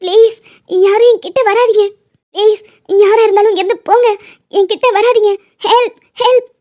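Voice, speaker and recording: A woman's voice: very high voice, steady tone, moderate pace, warm tone. A woman voicing a terrified young female patient in a cartoon drama, pleading and childlike. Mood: fearful pleading. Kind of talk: cartoon voice acting. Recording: dull lo-fi sound.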